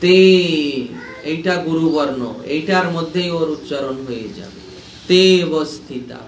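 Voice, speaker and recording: Man teaching a scripture class, high voice, slow and patient, repeats stuff, echoey room w/ faint hum. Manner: explains patiently, repeating key points and checking understanding.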